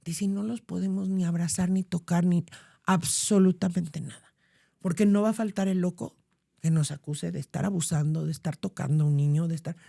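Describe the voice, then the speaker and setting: A middle-aged woman tells a story in relaxed podcast conversation. She is animated and slips into the voices of the people she quotes. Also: fairly low pitch, brisk, gravelly. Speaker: podcast guest.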